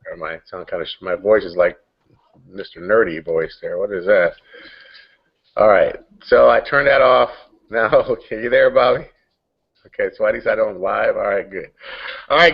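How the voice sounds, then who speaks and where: A man's voice: mid-range voice, vocal fry, muffled recording. A man hosting a casual online coaching hangout, rambling and searching for his words, talking through a computer mic on a video call.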